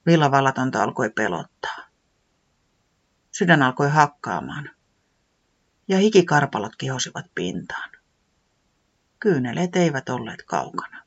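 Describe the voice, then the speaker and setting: A storyteller narrating a children's story in a gentle, expressive way, sometimes dropping to a whisper. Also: medium pitch, long pauses, slightly rough, lo-fi sound.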